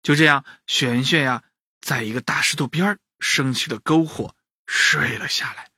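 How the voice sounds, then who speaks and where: A man narrating a children's bedtime story, lively and speaking to the kids directly. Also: medium pitch, normal speed, husky, dry recording, clean studio sound.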